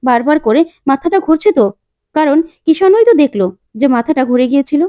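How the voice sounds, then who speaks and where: A woman's voice: sits high, expressive, fast talker, mellow, no room sound, studio quality, voice pushed up. A woman playing a sly meddling gossip.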